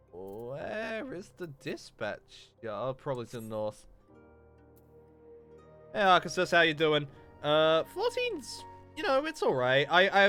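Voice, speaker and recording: A man's voice: medium pitch, fairly bright tone. A man casually thinking aloud while streaming a game live, rambling and reacting to what he sees. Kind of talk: live gameplay commentary.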